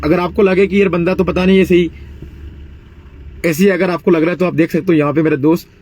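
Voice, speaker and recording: Twenty-something guy from india doing a sales pitch, kinda high voice, says "you know" a lot, keeps clearing his throat, dry close mic. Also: no room sound. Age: 20s. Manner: code-mixes English phrases, repeated fillers like "you know". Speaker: network marketing promoter. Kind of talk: persuasive motivational sales pitch to viewers.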